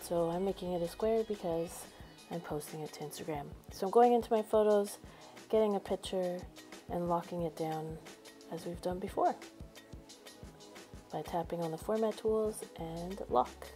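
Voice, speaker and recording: A woman with a lowish, mellow voice walks through a screencast tutorial step by step, upbeat and clear. Soft music plays faintly behind her. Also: normal speed. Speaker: teacher. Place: voice-over over a screen recording.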